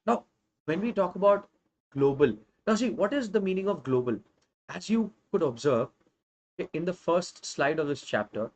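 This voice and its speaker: High-pitched North Indian man teaching emphatically. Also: a little mellow. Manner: emphatic, interjects Hindi phrases. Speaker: online social science teacher. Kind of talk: live exam revision lecture to students.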